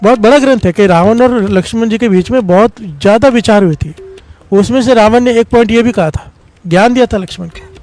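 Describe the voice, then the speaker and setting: Sikh katha preacher, highish voice, calls the crowd to answer, faint music under. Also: male voice, fairly quick, darkish tone. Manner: calls out responses from the congregation. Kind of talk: devotional sermon with storytelling.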